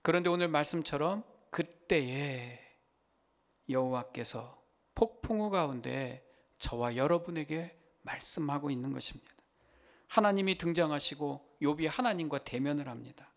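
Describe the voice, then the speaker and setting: Male pastor, sermon delivery, impassioned, higher-pitched, rhetorical questions to the congregation. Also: normal speed. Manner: impassioned, rising loud when voicing Job's complaints.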